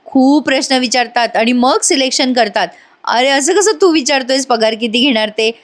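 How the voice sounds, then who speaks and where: A woman reading a gentle, polite young wife. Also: high-pitched, normal speed, voice pushed up, lightly acted.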